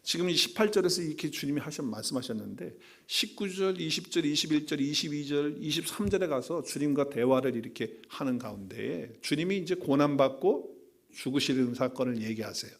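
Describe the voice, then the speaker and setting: A man who is a pastor preaching a sermon, putting rhetorical questions to the congregation and swinging between loud and soft. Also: on the high side, expressive, a little fast, creaky.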